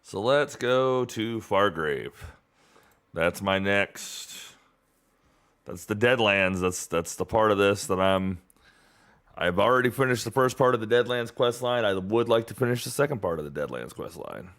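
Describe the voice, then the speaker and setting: A man's voice: fairly low pitch, expressive, a little slow, a bit bright. A man streaming a game live, talking to himself and to chat, easily annoyed and swearing often. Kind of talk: live gameplay commentary.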